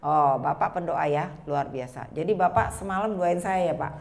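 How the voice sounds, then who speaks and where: Lively woman preaching a sermon. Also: low voice, moderate pace, vocal fry, soft background music. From Indonesia. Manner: lively, addresses the congregation directly. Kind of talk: sermon with personal testimony. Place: church.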